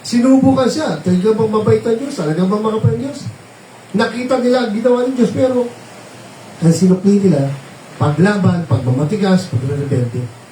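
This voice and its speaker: High-voiced man preaching in a roomy hall. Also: a little fast, warm tone, a little hiss or hum. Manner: mixes Tagalog and English, frequent tag questions. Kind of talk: sermon. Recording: roomy, distant mic, faint ambience.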